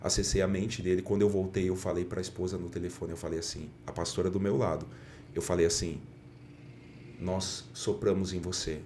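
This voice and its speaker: A man's voice: low-pitched, flat delivery, fast talker, mellow, slight background noise. A middle-aged man, a pastor and podcast guest, telling a testimony in an earnest way and acting out the dialogue he quotes. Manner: earnest storyteller, often acts out quoted dialogue.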